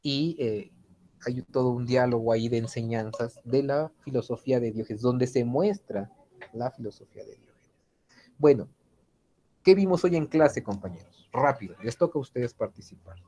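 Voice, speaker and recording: A man's voice: mid-range voice, moderate pace, warm tone. A man teaching an informal philosophy class, chatty, tagging questions onto his sentences and acting out anecdotes. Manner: conversational, frequent tag questions and fillers, acts out anecdotes.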